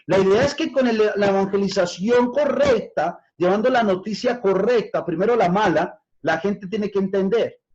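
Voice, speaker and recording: A man with a notably high voice teaches scripture as a pastor, calling his listeners brothers and putting questions to them. He drags out key words slowly to press a point. The recording sounds dull and lo-fi. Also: darkish tone. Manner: addresses listeners directly as brothers, asks questions.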